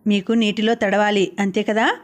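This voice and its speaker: A woman's voice: mid-range voice, level tone, normal speed, lightly acted. A woman reading the lines of a playful, affectionate young man in an audiobook novel. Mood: teasing. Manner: playful, gently teasing.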